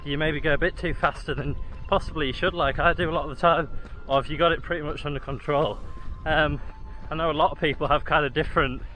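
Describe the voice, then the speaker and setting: Talking to viewers as he runs outside, this vlogger uses a fairly high, fairly even voice that is pushed and bright. He speaks fast with hardly any pauses, and the recording quality is low.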